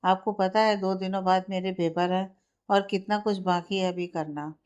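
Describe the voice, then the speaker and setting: A woman voicing a stubborn, tired young woman who is studying for exams, with a sharp, stubborn way of talking. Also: mid-range voice, fairly even intonation, normal speed, clear, resonant tone, lo-fi sound, close to an everyday voice. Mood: irritated.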